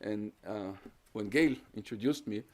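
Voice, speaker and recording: A man with a lowish voice gives a measured academic lecture on terrorism research as a guest speaker and takes questions from the audience. His first language is Hungarian, and he explains carefully, stacking up his points in lists.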